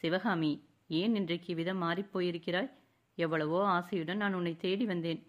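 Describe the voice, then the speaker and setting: A young prince of an old kingdom, courtly and teasing, speaking in formal storybook speech, as a woman narrator reads his lines. The voice is a woman's, pitched a little low. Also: fairly even intonation, moderate pace, muffled recording, lightly acted. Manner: mocking, courtly. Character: young royal prince, teasing then tender.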